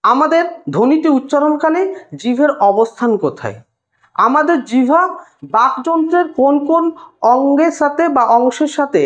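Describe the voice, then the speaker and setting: High, lively woman tutor, lo-fi sound. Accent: West Bengal Bengali. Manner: explains step by step, addresses students directly; sounds out single sounds slowly. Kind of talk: recorded lesson lecture.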